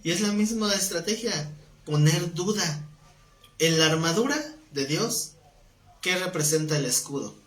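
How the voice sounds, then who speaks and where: A man's voice: sits high, measured pace, a bit bright. A man teaching a live-streamed Bible class in a conversational way, often asking his listeners questions. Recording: roomy sound with faint background noise.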